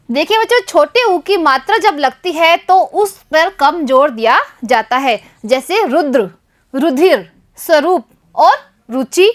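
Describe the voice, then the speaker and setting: A woman teaching a primary school Hindi lesson, speaking to young pupils and stressing each syllable with care. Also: high-pitched. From Rajasthan, India. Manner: addresses pupils repeatedly, stresses syllables slowly and deliberately. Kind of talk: classroom lesson for young children.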